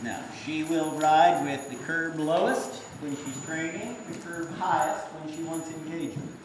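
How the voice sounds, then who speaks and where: A man's voice: a little high, a little slow. A man instructing at a horse riding clinic, explaining as a rider works and quizzing his listeners with questions. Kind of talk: live teaching commentary at a riding clinic. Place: large horse arena. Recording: echoey, distant, noisy arena sound.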